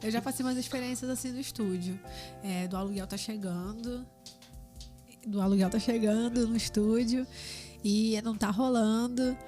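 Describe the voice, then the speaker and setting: A woman's voice: on the high side, steady tone, normal speed, warm tone, faint music behind. A woman with a Brazilian Portuguese accent, a tattoo artist and podcast guest, speaking earnestly and reflectively in casual chat.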